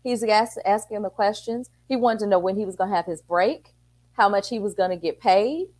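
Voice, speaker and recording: A woman's voice: mid-range voice, moderate pace, darkish tone. Earnest middle-aged woman telling a story. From Texas. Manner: earnest, storytelling, acting out quoted exchanges. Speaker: city council member and parent guest. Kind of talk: talk show conversation.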